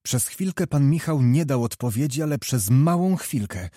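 A man reading a historical novel aloud in a measured, even way. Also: mid-range voice, no echo, clean studio sound. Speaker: audiobook narrator. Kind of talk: scripted narration of a historical novel.

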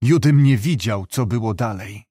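A man narrating a literary novel in a measured, even reading. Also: on the low side, no room sound, studio quality. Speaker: audiobook narrator.

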